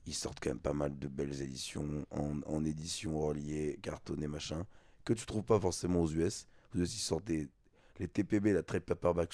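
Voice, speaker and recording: Very deep gravelly man, laid-back. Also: no room sound. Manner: laid-back, slangy, trailing off softly. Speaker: podcast co-host. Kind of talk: casual chat.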